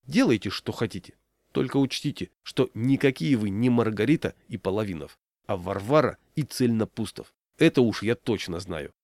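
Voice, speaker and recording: A man's voice: fairly low pitch, expressive, moderate pace, darkish tone, no echo. A man voicing a timid, hapless man who speaks bitterly and in despair.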